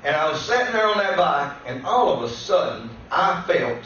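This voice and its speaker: A man preaching as a guest pastor. He tells a personal testimony that builds into shouted preaching. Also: a little high, sing-song, normal speed, a little hiss or hum. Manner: storytelling that climbs into shouted preaching. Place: church sanctuary. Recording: echoey church room, distant dull mic.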